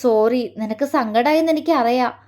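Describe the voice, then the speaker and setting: A woman's voice: fairly high pitch, moderate pace, a little mellow, close to an everyday voice. A woman voicing an outspoken young woman who is fiercely loyal to her friend, in an audio story. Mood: apologetic. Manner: blunt, earnest, caring.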